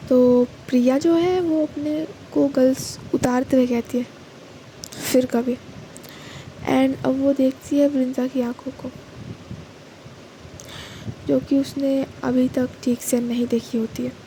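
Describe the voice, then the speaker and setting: A woman's voice: sits high, steady tone, a little slow, dark tone, slight background noise, poor audio. A woman narrating a romance story and voicing its characters, in casual Hindi mixed with English words, with restarts and self-corrections.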